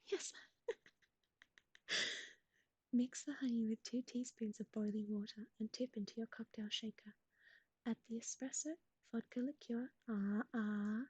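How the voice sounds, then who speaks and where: A woman whispering recipes in a soft ASMR style, close to the mic, with gentle asides to a pet. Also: a little high, breathy edge, dry recording. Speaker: ASMR streamer.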